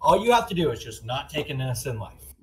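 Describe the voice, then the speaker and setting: A man playing a blunt, bossy manor owner in a tabletop game, informal and halting but firm. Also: medium pitch, very animated, pitched below the performer's own voice, close to an everyday voice.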